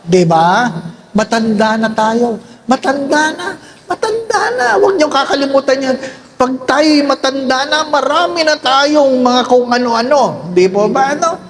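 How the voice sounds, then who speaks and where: A man's voice: very high voice, a little slow. An older man, a priest, giving a homily in a humorous, conversational way, often quizzing the congregation.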